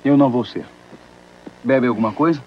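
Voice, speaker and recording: A man's voice: mid-range voice, moderate pace, slight background noise, lightly acted. Male dub actor: wry middle-aged writer, joking, muffled film sound. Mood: calm. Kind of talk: Brazilian Portuguese film dubbing.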